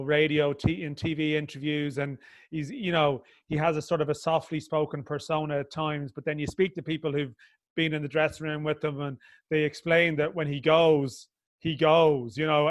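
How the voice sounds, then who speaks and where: A man conducts a conversational sports interview. His voice sits a bit high for a man and is recorded dry. He builds long questions haltingly, restarting as he goes. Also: dry recording.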